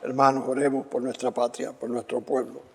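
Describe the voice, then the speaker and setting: A man, a priest leading Mass prayers in a measured, solemn way, heard through a long cathedral-like reverb. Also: mid-range voice, flat delivery, gravelly, breathy edge. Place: large church. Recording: voice in a long, echoing church reverb.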